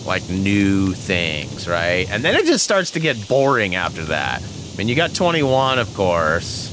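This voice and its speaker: A man in his forties with a deep voice rambles through casual chat while playing a game. He talks unhurriedly but with a lively, swooping lilt and chuckles often, over a steady background hiss. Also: measured pace. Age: 40s. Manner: rambling, chuckling, with many fillers. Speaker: gaming channel host.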